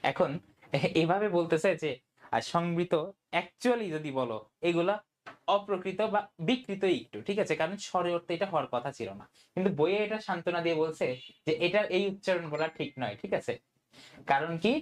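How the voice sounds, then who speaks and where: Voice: mid-range voice, expressive, a little fast. A tutor teaching an online Bangla grammar class, often asking "okay?" and mixing in English words. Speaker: admission test tutor.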